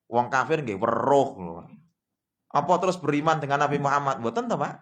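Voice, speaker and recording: A man with a Javanese accent giving a sermon in a mosque, folksy and animated, often addressing listeners directly. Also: a little fast. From Indonesia. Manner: folksy, addresses the audience as "Pak" constantly, mixes Javanese and Indonesian; lively swings in pitch and loudness, mocking asides. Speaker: preacher.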